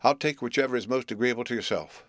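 A man reading aloud and voicing a humble, awkward country blacksmith who talks in a rustic dialect, earnest and halting. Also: medium pitch, a bit bright, dry recording, studio quality, close to an everyday voice. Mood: stiff, polite.

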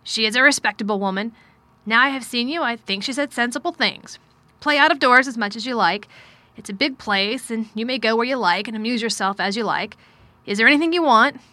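Woman voicing a fretful, forceful, miserable man. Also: a little high, a little fast, no echo. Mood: worried, insistent. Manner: abrupt, emphatic, fretful. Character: miserable, distracted man, curt and fretful guardian.

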